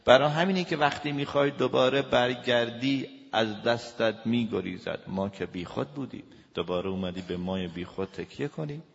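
A man giving a lecture as a family counselor. He talks emphatically, swinging between loud raised lines and low, quiet asides. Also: creaky, long reverb tail, dull audio. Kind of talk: lecture to an audience.

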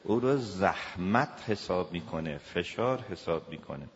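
A man lecturing as a family counselor, fairly low in pitch and lively in delivery. He acts out small exchanges with sudden raised voices. His voice sounds dull and lo-fi, with a long reverb trailing behind it as in a big hall. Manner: lively, acts out little dialogues with shouted voices.

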